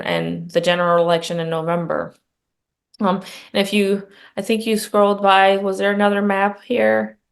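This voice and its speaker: A middle-aged Puerto Rican woman running for Congress talks in a campaign interview, her fairly low voice earnest and conversational. She often says "um" and restarts her sentences.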